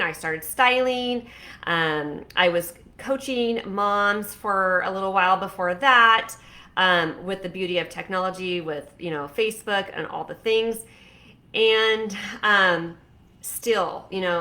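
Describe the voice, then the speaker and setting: A woman's voice: lowish voice, bright, forceful tone. A woman in her forties, a fashion stylist and coach, talking casually and encouragingly to viewers with many fillers and restarts. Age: 40s. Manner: chatty, rambling, encouraging. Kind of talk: casual talk to camera.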